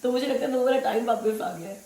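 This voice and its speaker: A woman from India, a family vlogger, chats casually to camera and laughs often. Her naturally husky voice sounds hoarse and strained today; it's on the high side, quick and warm-toned, and the sound is reverberant.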